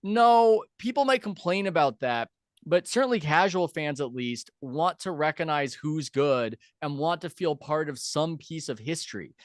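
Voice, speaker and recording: A man's voice: on the high side, expressive, dry recording, clean studio sound. A man hosting a sports talk show, arguing his opinions emphatically and changing his pace for stress. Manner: argumentative, emphatic, speeds up and slows down. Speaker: show host.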